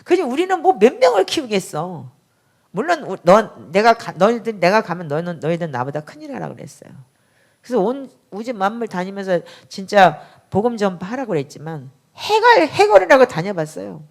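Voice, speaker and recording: A middle-aged woman pastor giving a sermon in a conversational, emphatic way, with sudden loud outbursts. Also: medium pitch, very animated, a little fast.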